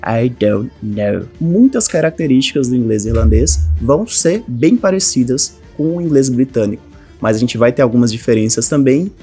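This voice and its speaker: Husky Brazilian man teaching a lesson. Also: medium pitch, a little fast, faint music behind. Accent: Brazilian Portuguese. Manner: lively, addresses viewers directly as a group. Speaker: English teacher. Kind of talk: online language lesson.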